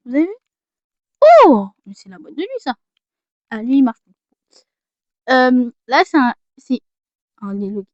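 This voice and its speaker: In a dry, lo-fi recording, a high-pitched teenage vlogger shows off the gifts she received. She talks casually, pokes fun at herself, and drifts off topic easily.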